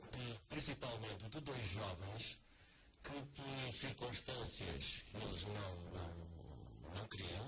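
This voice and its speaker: A man's voice: fairly low pitch, creaky. An older man with a European Portuguese accent, a guest on a radio interview, talking hesitantly with many restarts. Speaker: author guest. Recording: noisy radio broadcast.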